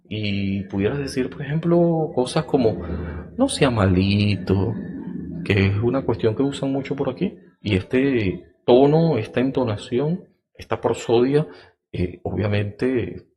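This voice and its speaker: A man hosting a podcast, explaining a topic slowly and deliberately, with many fillers and restarts. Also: a little mellow. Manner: acts out example phrases in a raised, sing-song pitch. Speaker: podcast host.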